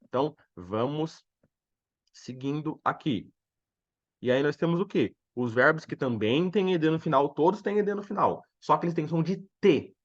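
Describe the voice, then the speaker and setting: A man with a Brazilian Portuguese accent teaching English in a live online lesson, slowly repeating each word twice and chatting with viewers. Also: on the high side, dull audio. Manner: chatty, animated explaining to viewers.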